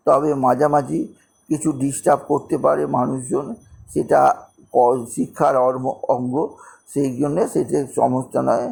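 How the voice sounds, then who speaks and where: A middle-aged astrologer talks through the month's horoscope. His gravelly voice sits at a middle pitch, and he often stumbles and repeats words while he explains remedies. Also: little pitch movement, unhurried, darkish tone. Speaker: astrologer hosting a horoscope channel. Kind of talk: unscripted monthly horoscope talk.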